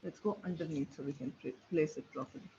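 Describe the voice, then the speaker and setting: A man with a fairly high voice walks through a software demo, thinking aloud as he works. The audio is dull and lo-fi over a computer mic, with a faint hiss underneath. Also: fast, vocal fry. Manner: thinking aloud while clicking through a tool. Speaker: webinar presenter. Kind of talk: live software demo walkthrough.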